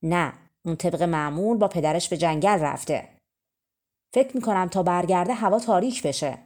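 An urgent, protective queen stepmother, voiced by a woman reading a storybook aloud. The voice sits low and mellow, close to the reader's own. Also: lively intonation. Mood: calm.

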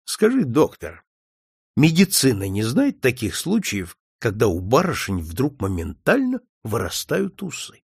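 A man voicing a calm police chief detective who speaks with dry humor. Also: medium pitch, unhurried, gravelly, slightly rough, dry recording, pitched below the performer's own voice, exaggerated voice. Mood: composed. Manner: composed, dryly joking.

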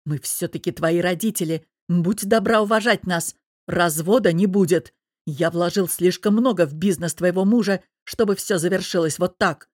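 A gruff, domineering father from an audiobook, voiced by a woman reader. He speaks in a lower, louder, clipped voice, commanding and grumbling. The recording is dry and close. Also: fairly even intonation, normal speed, hardly any pauses, dry recording, natural voice. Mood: stern. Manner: curt, commanding, growling. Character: stern middle-aged father, gruff and domineering.

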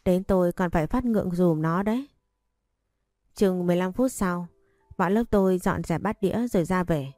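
A woman narrating a first-person story in an even, unhurried reading voice. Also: fairly low pitch, no echo, studio quality, soft background music.

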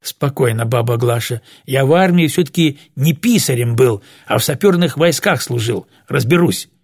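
A man's voice: medium pitch, expressive, normal speed, vocal fry, darkish tone, slightly rough, dry recording, clean studio sound. A man voicing a brash young man who talks impatiently and mockingly. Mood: cocky. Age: young adult. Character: brash young man, cocky former army sapper.

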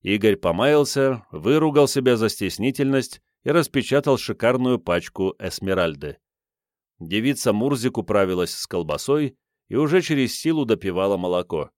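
A man reading a fantasy audiobook aloud as its narrator, in an expressive storytelling manner. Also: on the low side, moderate pace, no room sound, clean studio sound. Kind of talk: scripted narration.

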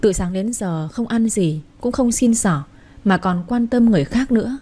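Female storybook narrator, even delivery, mellow timbre. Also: mid-range voice, moderate pace.

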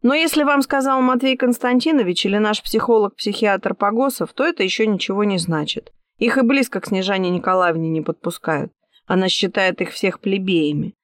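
A woman's voice: mid-range voice, fairly quick, no echo, studio quality, close to an everyday voice. A woman reading an audiobook voices a young, jealous and defiant mistress who keeps raising her voice in heated protest. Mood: indignant. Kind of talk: audiobook character voice.

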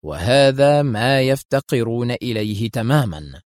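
A man's voice: medium pitch, sing-song, a little slow, no echo, studio quality. A man voicing an irritable male intelligence officer who argues sharply and insistently. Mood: firm, agitated.

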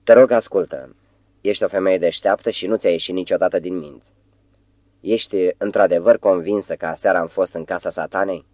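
A man reading a weary writer in an audiobook, deep in voice and ironic in manner. He sounds exasperated and close to the mic. There is no room echo. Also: steady tone, darkish tone, natural voice.

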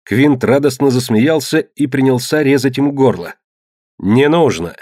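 A man reading an adventure novel aloud in a measured, dramatic manner. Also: medium pitch, a little mellow, no echo, studio quality. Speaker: narrator. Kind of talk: scripted audiobook narration.

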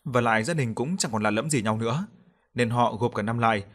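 A man reading a first-person horror story aloud in a steady, measured way. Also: medium pitch. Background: soft background music.

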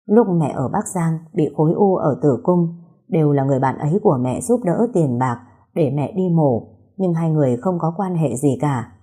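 A woman narrating a first-person story in a steady, somber storytelling manner. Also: low-pitched, normal speed, breathy edge.

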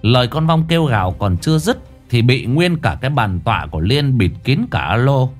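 A man's voice: medium pitch, very animated, a little fast, soft background music. A man narrating a ghost story in a colloquial, crude and dramatic manner.

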